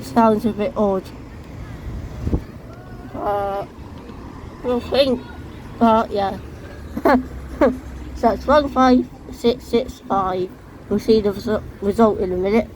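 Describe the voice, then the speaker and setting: A woman vlogging outdoors on her phone, excitedly reading out bus fleet numbers and number plates in a casual chatty way. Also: mid-range voice, slow, long pauses. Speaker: transport enthusiast vlogger. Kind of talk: casual spotting commentary. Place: outdoors by streets and bus stops. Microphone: handheld phone. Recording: noisy outdoor phone recording. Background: traffic and street noise.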